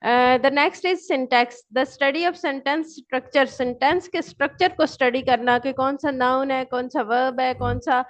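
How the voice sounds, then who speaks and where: A woman lecturer giving an online class, who asks her students questions and answers them herself. She reads English definitions out slowly and explains them in Urdu. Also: sits high, fairly even intonation. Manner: switches between English and Urdu. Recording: dull lo-fi recording.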